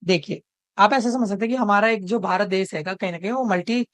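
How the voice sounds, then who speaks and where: A woman tutor giving an exam-prep lesson, reading quiz questions out slowly and checking in with the students after nearly every sentence. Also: medium pitch, dry recording.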